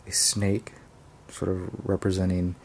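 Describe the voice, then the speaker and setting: A man's voice: deep voice, completely flat delivery, measured pace, darkish tone, slight background noise. A man casually reviewing and unboxing a tarot deck, hesitant, with frequent ums and restarts.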